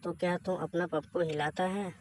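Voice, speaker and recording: A man's voice: high voice, level tone, moderate pace, a little hiss or hum. A man voicing a bold, teasing young married woman in a read-aloud story, with a bossy manner.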